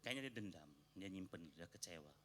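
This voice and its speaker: A man with a clear, bright, forward voice preaches in a church, speaking with an Indonesian accent. He tells a personal story and acts out the quoted arguments in it, growing louder as he stresses his point. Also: sits low, expressive, fairly quick, slight background noise. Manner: storytelling, acting out quoted arguments with rising emphasis. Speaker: pastor. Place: church sanctuary.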